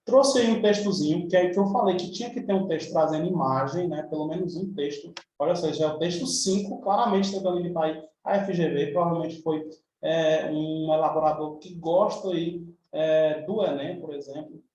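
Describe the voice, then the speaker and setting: A man's voice: on the high side, a little fast, a little mellow, far from the mic, slight background noise. Chatty male teacher in echoey room. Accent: Brazilian Portuguese. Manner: chatty, informal, frequent tag questions. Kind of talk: exam review lesson.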